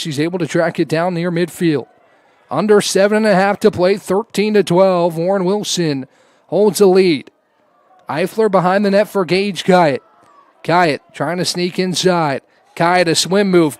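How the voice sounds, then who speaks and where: A man's voice: high-pitched, unhurried, no echo. A man giving live play-by-play commentary on a lacrosse game. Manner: raises voice to a shout on goals.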